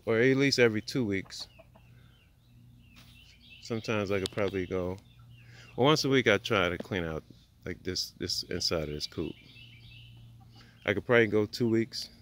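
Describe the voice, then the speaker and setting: At a moderate pace, pausing often, a man with a lowish, slightly bright voice leads a casual backyard homestead tour by the chicken coops. He thinks out loud with many fillers, captured by a handheld phone camera with a little hiss or hum.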